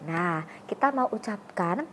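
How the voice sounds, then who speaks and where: A woman's voice: on the low side, animated, unhurried, a bit bright, a little hiss or hum. A young woman teaching an online Sunday-school lesson, telling a Bible story to children and asking them questions she answers herself.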